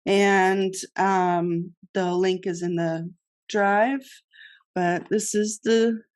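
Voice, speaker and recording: Slow-talking woman podcast co-host. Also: medium pitch, steady tone, a little mellow. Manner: chatty, giggly, unhurried. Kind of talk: casual chat. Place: podcast studio.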